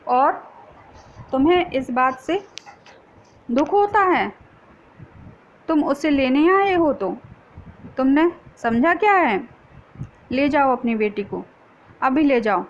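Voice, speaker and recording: A woman's voice: sits high, expressive, slow, long pauses. Stern old family head, read by a woman. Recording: dull lo-fi recording.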